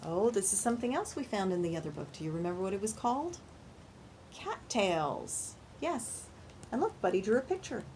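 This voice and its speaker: A children's librarian does an animated storytime reading of a picture book, pausing to ask the kids questions and explain things simply. Her voice is mid-range, and the rough recording carries slight background noise.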